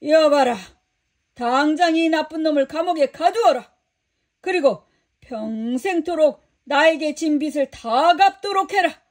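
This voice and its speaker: A woman's voice: lively intonation, a little slow. A woman doing a stern commanding master. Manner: booming scolding.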